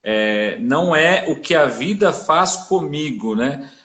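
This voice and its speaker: A man's voice: a little high, expressive, slow, a bit bright, roomy sound. A man hosting a casual chat, agreeing with the guest and reading out viewer comments. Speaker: host. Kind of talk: casual chat on a live stream.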